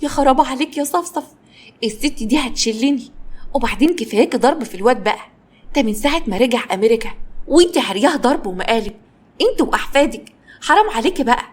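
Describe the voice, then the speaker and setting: A woman's voice: sits high, animated, fast talker. Woman playing an exasperated young woman, pleading, Egyptian accent.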